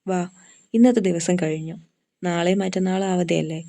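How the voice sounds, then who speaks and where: A woman's voice: lowish voice, moderate pace, gravelly, mellow. A woman voicing a caring young woman friend who talks in a firm, reassuring way.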